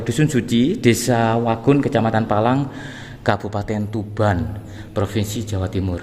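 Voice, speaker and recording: A man's voice: on the low side, mellow. A man vlogging casually with hesitant fillers and friendly asides to viewers, his voice echoing in an underground stone chamber. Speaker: travel vlogger exploring a site. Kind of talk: casual walk-through narration. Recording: long reverb from a stone hall, faint ambient noise.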